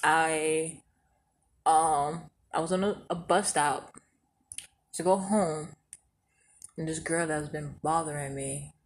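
A woman's voice: sits low, steady tone, takes it slowly, pauses often, a little hiss or hum. Female co-host, playful and teasing, chatty storyteller with frequent laughs. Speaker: podcast co-host. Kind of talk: casual couple chat.

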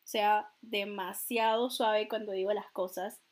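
A woman in casual chat, talking softly and hesitantly with lots of fillers. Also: medium pitch, fairly even intonation, unhurried. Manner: soft-spoken, hesitant, rambling with many fillers.

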